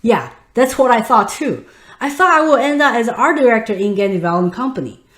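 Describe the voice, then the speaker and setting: A woman's voice: on the high side, lively intonation, a little fast, a bit bright, echoey room. Taiwanese-accented woman hosting a webinar. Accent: Taiwanese Mandarin. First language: Mandarin. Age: 30s. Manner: instructive, addresses the audience directly. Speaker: webinar host. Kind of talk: online webinar presentation.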